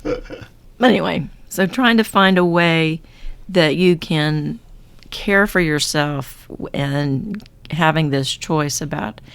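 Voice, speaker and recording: A woman's voice: low voice, slow pace, clean tone. A woman co-hosting a podcast who coaches clients, chatting casually, rambling and correcting herself with frequent laughs. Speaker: podcast co-host. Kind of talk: casual chat.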